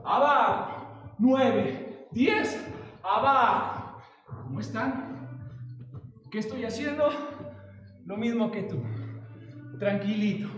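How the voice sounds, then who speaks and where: High-voiced Mexican man coaching a workout. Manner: playful, coaxing, calls out counts and cues. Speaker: fitness instructor. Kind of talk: live online exercise class. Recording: echoey hall from far off.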